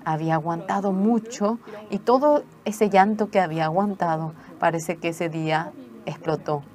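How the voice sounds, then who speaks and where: A woman telling a personal testimony in an earnest, halting way, with restarts. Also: lowish voice, a little mellow. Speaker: testimony speaker.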